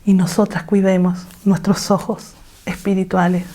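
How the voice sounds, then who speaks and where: A woman leads an online women's Bible lesson over a video call. Her voice is mellow and dark-toned, and she sits at a middle pitch. She urges her listeners on and keeps asking them rhetorical questions. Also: flat delivery, moderate pace. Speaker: women's Bible study teacher.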